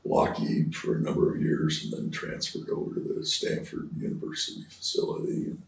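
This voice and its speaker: An older American man from California reminisces casually as an interview guest, in a halting, rambling way. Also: a little hiss or hum. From California Bay Area, USA. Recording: roomy, distant computer-speaker pickup.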